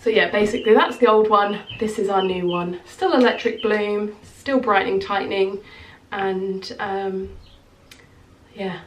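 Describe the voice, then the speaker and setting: Sounding a bit nasal from a cold, a woman in her thirties chats casually to camera in her small bedroom, gesturing as she talks about her work as a skincare consultant. Her mid-range voice is unhurried and fairly even, recorded with roomy echo, a slightly distant mic and slight background noise.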